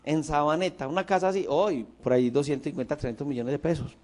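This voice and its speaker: A man with a Colombian Paisa accent preaching a sermon, an animated storyteller who swings between emphatic and hushed delivery. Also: fairly high pitch, fast. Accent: Colombian Paisa, Antioquia. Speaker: pastor.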